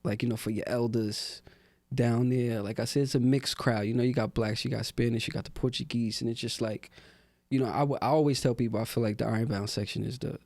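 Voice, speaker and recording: A gravelly, mid-range voice belongs to a young rapper from Newark, New Jersey, who talks a little fast on a podcast, with no room sound. He's laid-back and casual in the interview, using plenty of filler words.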